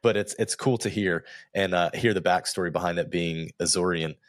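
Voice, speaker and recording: Deep-voiced man hosting a podcast. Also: a little hiss or hum. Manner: measured, with "uh" fillers and encouraging follow-up questions. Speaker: podcast host. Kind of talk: interview conversation.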